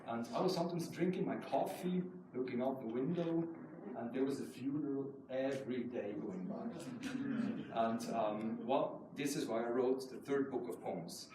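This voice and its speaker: Speaking at a normal speed in a medium-pitched voice, a guest poet from Switzerland presents his work at a live reading, with some informal comments. The room is very echoey, and the far-off mic captures him as distant amid noise.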